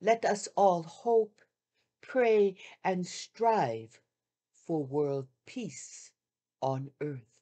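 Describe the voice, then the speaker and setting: Reading wartime memoirs in the first person, an older woman speaks slowly and with feeling in a warm, fairly low voice. She takes a measured, heartfelt approach, leaving drawn-out pauses. The sound comes from a video call webcam in a home room with shoji screens.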